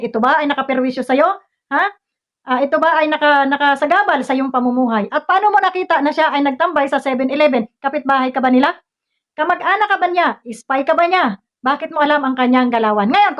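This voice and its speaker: A woman ranting at a commenter, scolding and confrontational, firing off rhetorical questions. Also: high voice. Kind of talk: heated commentary rant. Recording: dull lo-fi recording.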